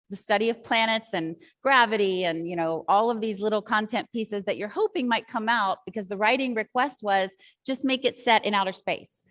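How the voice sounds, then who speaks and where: A woman's voice: a little high, fairly bright tone. A woman teacher trainer giving a workshop talk to other teachers, telling a classroom story in a chatty, rambling way with many asides.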